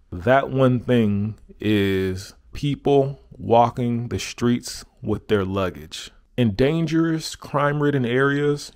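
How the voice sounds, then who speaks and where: A man's voice: mid-range voice, darkish tone. A man talking casually in a travel vlog, laid-back and chatty with playful asides. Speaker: travel vlogger.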